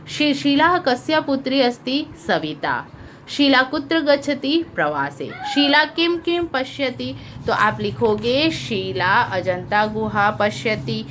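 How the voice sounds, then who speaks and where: Woman teacher, patient, questioning the class, slightly high voice, faint background hiss. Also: a bit bright. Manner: patient, asks pupils questions, translates line by line. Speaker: school teacher. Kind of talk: explaining a Sanskrit lesson in Hindi.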